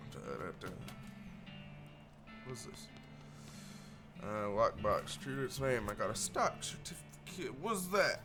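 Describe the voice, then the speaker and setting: A man's voice: medium pitch, sing-song, slow pace, pauses often. Man casually streaming a game over music. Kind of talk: casual game playthrough commentary.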